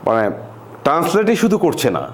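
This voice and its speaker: A man's voice: fairly high pitch, big pitch swings, fairly quick, slight background noise. A man hosting a casual tutorial, chatting to viewers as he demonstrates an app and often mixing English words into his speech. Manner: chatty, keeps saying "see" to viewers, mixes in English words. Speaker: tech tutorial host. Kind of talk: casual screen-recorded tutorial.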